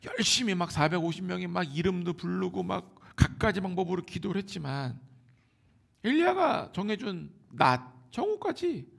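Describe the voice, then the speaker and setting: A man preaching a Sunday sermon with a Seoul Korean accent. His voice sits a little high and has a gravelly, husky edge. He swings from hushed, whispered lines to loud exclamations. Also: sing-song, normal speed. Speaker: pastor.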